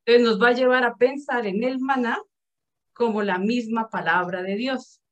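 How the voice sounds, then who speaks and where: A woman's voice: on the high side, normal speed. Reflective woman explaining, muffled sound. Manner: reflective, thinks aloud. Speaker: speaker in a virtual Bible study. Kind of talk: explanatory talk.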